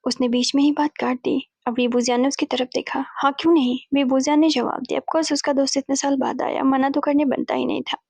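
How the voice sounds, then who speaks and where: A woman's voice: high voice, level tone, brisk, vocal fry, hardly any pauses, darkish tone, breathy edge, no echo. A woman casually retelling a fanfiction story, chatty and mixing in English words as she voices the characters' lines. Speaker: fanfiction narrator.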